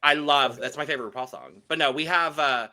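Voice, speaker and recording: A man hosting a casual recap podcast, chatty and quick to laugh. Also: fairly high pitch, heavy background noise. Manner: laughs often, loose and chatty. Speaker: podcast host. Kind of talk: casual chat.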